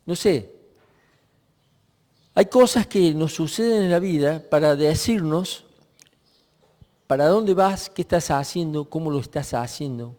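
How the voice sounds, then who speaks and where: This preacher reflects aloud on a passage, halting and beginning his sentences again as he goes. His voice runs fairly high for a man but sounds dark and mellow, followed by a long reverb tail.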